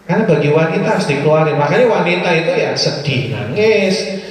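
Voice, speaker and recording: A man's voice: a little high, animated, brisk. A man preaching a casual sermon, chatty and teasing, and chanting his Arabic quotes. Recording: echoey hall from far off.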